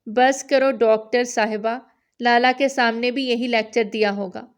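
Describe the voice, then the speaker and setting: A woman's voice: on the high side, fairly even intonation, close to an everyday voice. A woman voicing a sensible, bookish young woman who chides dryly. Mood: soothing.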